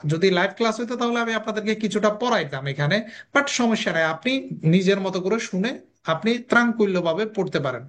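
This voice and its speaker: A language teacher giving a recorded lesson. The teacher asks questions and answers them, and repeats each sound slowly for drilling. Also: medium pitch, fairly bright tone, a little hiss or hum.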